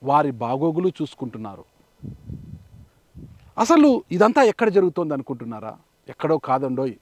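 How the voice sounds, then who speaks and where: A middle-aged man, a journalist host, interviewing and narrating a field report in a gentle, measured way. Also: a little high, very animated, dry recording. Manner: gentle, consoling, measured delivery.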